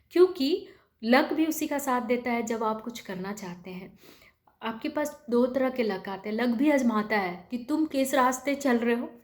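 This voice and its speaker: Earnest woman giving a spiritual talk. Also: a little high. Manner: earnest, pleading, with rhetorical questions; mixes in English words. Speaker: spiritual speaker.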